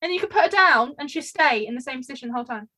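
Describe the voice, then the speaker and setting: A woman co-hosting a casual podcast, chatty and animated, telling stories with lots of fillers. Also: high-pitched, racing. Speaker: podcast co-host. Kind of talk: casual chat.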